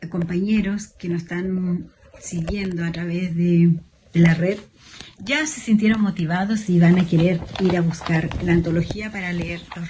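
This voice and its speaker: A woman moderating an online writers' panel in a measured way, with frequent fillers, over a video call. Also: on the low side, dark tone, slight background noise.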